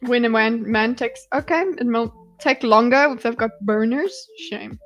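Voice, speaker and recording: A woman's voice: a little high, moderate pace, a bit bright, highs cut off, soft background music. A woman hosting a livestream, reacting to a debate clip with blunt, exasperated, pleading asides and some swearing. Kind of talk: casual reaction commentary.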